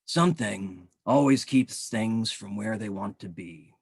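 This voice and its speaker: A man, a poet, reading his poems at a virtual event, slow and dramatic in the verses, loose with ums between them. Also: lowish voice, gravelly, slightly rough, no room sound, studio quality. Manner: measured, dramatic reading with slow drawn-out phrases; relaxed, halting asides with frequent ums. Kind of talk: poetry reading. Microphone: video call.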